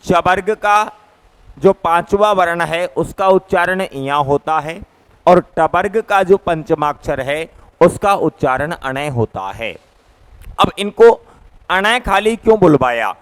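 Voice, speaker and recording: A man's voice: a little high, animated, slow pace, clean tone. A male teacher from Rajasthan giving a classroom grammar lecture, patiently drilling letter sounds one by one and repeating his points while he writes on a board. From Rajasthan, India.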